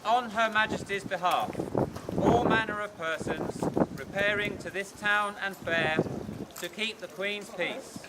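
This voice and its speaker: A man's voice: sits high, unhurried. A man reading a formal proclamation in a stately town crier manner, on a very noisy, windy outdoor recording. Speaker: official reading the Mayor's proclamation.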